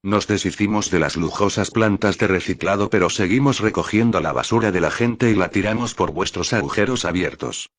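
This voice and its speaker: An actor playing a rich, philosophical, pipe-smoking Yorkshire man who talks in a calm, folksy way. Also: low voice, a little fast, hardly any pauses, no echo. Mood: reflective. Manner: calm, folksy, calls others lad.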